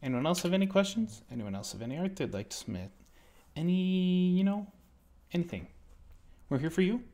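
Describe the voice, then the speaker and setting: A man's voice: high voice, sing-song, brisk, warm tone. A man co-hosting a casual online art critique stream, joking and rambling as he corrects himself mid-sentence.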